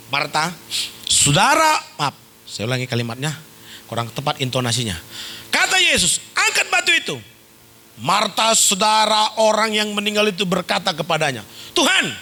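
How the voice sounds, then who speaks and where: A male pastor delivers a lively sermon with a high, bright, ringing voice. His pitch swings widely as he acts out sounds and stories, now and then rising to shouted emphasis. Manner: animated storytelling with sound effects and shouted emphasis.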